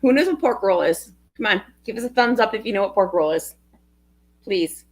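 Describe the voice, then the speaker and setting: A woman with a New Jersey accent co-hosting a casual livestream chat, talkative and quick to laugh. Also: mid-range voice, animated. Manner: chatty, laughs often, loses her train of thought. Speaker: co-host.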